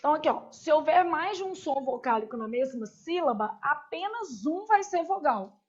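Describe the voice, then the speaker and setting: A woman's voice: high-pitched, lively intonation, normal speed, lo-fi sound. A woman with a Brazilian Portuguese accent teaching an online grammar lesson, asking her students questions and answering them herself.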